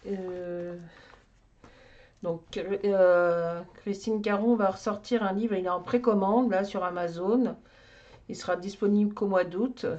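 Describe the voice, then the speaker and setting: A woman's voice: mid-range voice, fairly even intonation, takes it slowly, darkish tone, lo-fi sound, slight background noise. A woman giving a casual show-and-tell of her coloring books, rambling and talking to herself as she searches for things. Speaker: craft vlogger.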